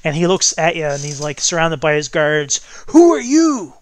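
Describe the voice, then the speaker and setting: A man's voice: fairly high pitch, level tone, a little fast, fairly bright tone, smooth, no room sound. A man working as game master, improvising narration for a tabletop game.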